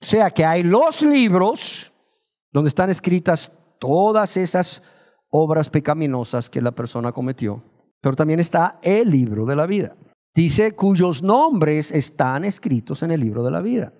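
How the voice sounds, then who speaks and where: A man born in Nicaragua preaching a sermon, asking his listeners questions and slowing down to stress the words of scripture. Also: a little high, animated, darkish tone. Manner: asks the congregation rhetorical questions. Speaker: pastor.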